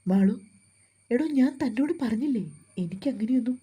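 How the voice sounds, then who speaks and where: A withdrawn young man, read by a woman, answers in short, dismissive words in a storybook reading. His tone is dark and husky and stays curt. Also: fairly high pitch, normal speed.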